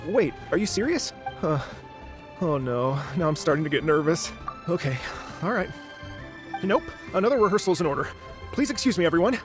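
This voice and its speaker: A man's voice: on the high side, sing-song, a little fast, long pauses. An actor playing an earnest, anxious male musician in a video game, hesitant and polite. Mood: nervous. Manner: hesitant, polite, self-talking. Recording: music behind the voice.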